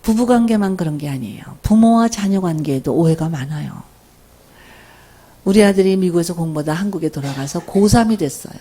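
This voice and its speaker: An older woman lectures at a workshop in a mellow, warm voice. She tells stories from home with lively energy and keeps asking her listeners questions. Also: fairly low pitch, fairly quick, breathy edge. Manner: animated, asks the audience questions. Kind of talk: faith-based lecture with storytelling.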